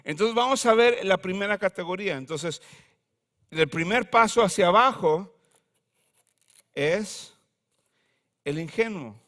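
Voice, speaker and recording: Man, pastor, chatty humorous sermon, high voice. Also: animated, unhurried, long pauses, a bit bright. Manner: conversational preaching with humor and Mexican slang.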